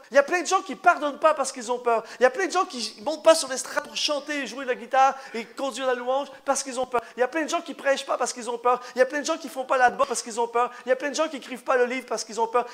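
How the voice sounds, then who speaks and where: A man preaching a live church sermon, passionate and joking with the crowd, often shouting for emphasis. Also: extremely high pitch, fast, few pauses.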